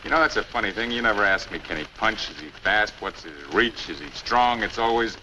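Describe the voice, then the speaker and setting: An actor playing a boxing manager in a 1950s film, needling with teasing, pointed questions. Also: male voice, on the low side, expressive, fairly quick, sharp tone, low-quality recording. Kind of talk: 1950s film drama acting. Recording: old film track with faint noise.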